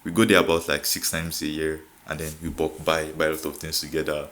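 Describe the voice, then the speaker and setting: With a bass voice that is fairly bright, a young Nigerian vlogger speaks a little fast in a flat delivery. He addresses the camera casually in his Nigerian accent, laughs often, mixes languages, and leans on the word "like."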